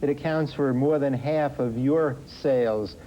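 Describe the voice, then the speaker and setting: A man's voice: medium pitch, unhurried, dull audio, slight background noise. A man hosting and moderating a television interview programme. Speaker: TV interview show host. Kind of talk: broadcast moderating.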